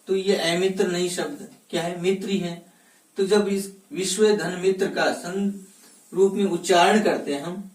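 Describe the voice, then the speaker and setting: A male teacher giving a classroom grammar lesson, asking questions and answering them himself, breaking words slowly into their parts. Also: high voice, distant mic. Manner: slow and deliberate, stresses each part of a word. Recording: echoey room, voice from off mic.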